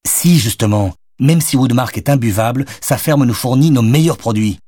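A man reading an audiobook, voicing an exasperated, bossy father who scolds in a raised, brisk voice. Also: mid-range voice, warm tone, dry recording, studio quality, voice pushed up, lightly acted.

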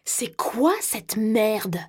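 A woman's voice: medium pitch, steady tone, quick pace, a bit bright, slightly rough. A woman voicing a violent, raging adult husband who hurls threats and insults. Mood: furious.

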